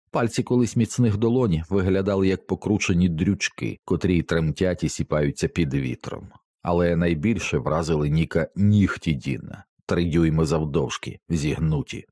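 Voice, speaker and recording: A man narrating an audiobook in a steady, measured reading. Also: low-pitched, dry recording, clean studio sound. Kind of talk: scripted narration.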